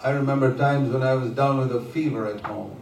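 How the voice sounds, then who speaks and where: A man delivers a sermon in English one short phrase at a time, waiting for his interpreter after each. His voice sits at an ordinary middle pitch and comes from some distance off the mic. It rings through a roomy hall, with a faint hum of ambience behind it. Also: fairly even intonation, normal speed, gravelly. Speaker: preacher. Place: church conference hall. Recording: echoey hall, voice from far off the mic.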